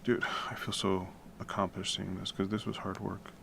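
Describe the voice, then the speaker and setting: A man with a gravelly, deep baritone talks at normal speed, rambling casually while he works on music as a composition streamer. It's the middle of the night in his home room, so he stays quiet, relaxed and casually profane. The recording has noticeable background noise with typing.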